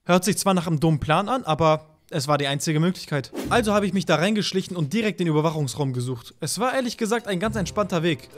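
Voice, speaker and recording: A man's voice: on the high side, quick pace, hardly any pauses. A cheeky young man narrating a comic story with crude jokes, over faint music. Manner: cheeky, swearing, deadpan jokes.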